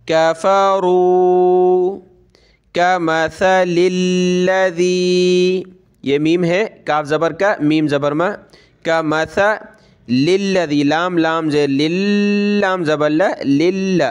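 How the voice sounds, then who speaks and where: A man with a Pakistani Urdu accent leads a Quran reading lesson in a high, smooth, clear voice. He draws each recited word out slowly and spells it letter by letter with its vowel marks. His explanations between the words come out quicker. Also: soft background music. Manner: slow drawn-out recitation, quick spoken explanations. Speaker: Quran teacher.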